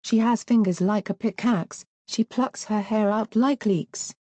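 A woman's voice: medium pitch, measured pace, dark tone, no echo, close to an everyday voice. A woman voicing a proud young warrior king from a storybook, who laments and gives stern instructions. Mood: instructing. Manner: lamenting, then commanding. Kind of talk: storybook reading.

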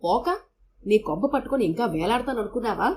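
A woman voicing a sharp-tongued young working woman who answers curtly and quickly. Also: medium pitch, animated, a little hiss or hum, close to an everyday voice. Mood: scornful. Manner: curt, quick, snappish.

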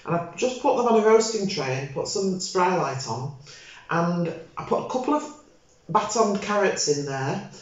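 An older woman hosting a home cooking video, chatting casually and rambling as she cooks at her table. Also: on the low side. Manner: chatty, rambling, self-correcting. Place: home dining room, indoors. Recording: very echoey room, dull lo-fi sound.

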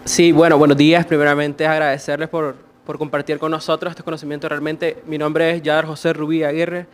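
Young student speaking in a flat tone. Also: male voice, fairly high pitch, a little fast, slight background noise. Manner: polite, formal. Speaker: history student. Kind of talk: question from the floor. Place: conference hall, indoors. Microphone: handheld mic.

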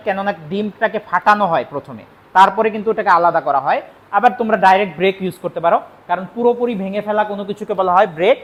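A man's voice: high voice, a bit bright. A young man from Bangladesh teaching vocabulary in a classroom lesson, explaining patiently and repeating key words. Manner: explains patiently, repeats words, asks and answers his own questions. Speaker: spoken English teacher.

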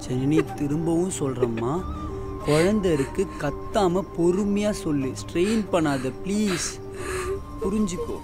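A man's voice: high-pitched, big pitch swings, moderate pace, long pauses. A man plays a young husband who pleads with his pregnant wife and tries to soothe her. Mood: pleading, calming. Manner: pleading, soothing, repeats please. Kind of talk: Tamil web series drama, dubbed. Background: film score music.

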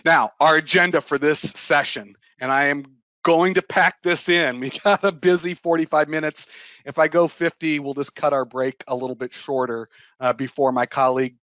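Man, trading webinar presenter, higher voice, emphatic, dull dry lo-fi sound. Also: moderate pace, dry recording. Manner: energetic, emphatic, with frequent "uh" fillers. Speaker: trading educator.

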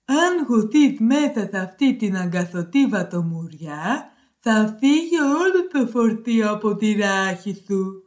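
A woman voicing a thoughtful farmyard pig in a storybook, speaking low and firm. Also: big pitch swings, darkish tone, lightly acted. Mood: suggesting. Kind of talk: storybook character voice.

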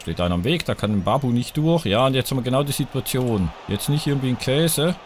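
A man's voice: mid-range voice, lively intonation, fast talker, a little hiss or hum. A man commenting live on his own football video game, cheering and groaning at each chance and talking to his viewers. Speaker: gaming YouTuber playing a football video game. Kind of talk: live let's-play commentary.

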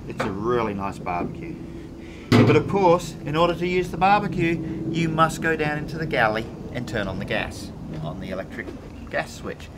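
A middle-aged man walks through a boat tour in a relaxed, plain-spoken way, pausing on ums and restarts. His voice sits at an ordinary middle pitch. The camera mic picks up clear outdoor noise around him. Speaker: boat charter owner giving a tour. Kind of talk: casual walkthrough tour. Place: aboard a catamaran, cabin and open cockpit.

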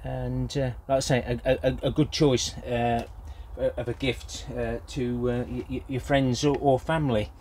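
In a medium-pitched, slightly mellow voice with little pitch movement, an older British man speaks a little slowly, barely pausing, over a little hiss or hum. He is a grandfather and gardening vlogger giving a casual, unscripted, hesitant and rambling product review.

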